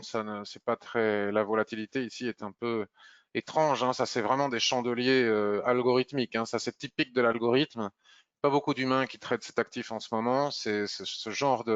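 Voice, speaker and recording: A man talks through trading charts in a loose, chatty way, often pausing with fillers. His mid-pitched voice comes through a dry, slightly dull mic with no room sound. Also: fairly bright tone, smooth, no room sound. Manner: chatty, hesitant with many "euh" fillers. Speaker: market analyst. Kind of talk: screen-share market review.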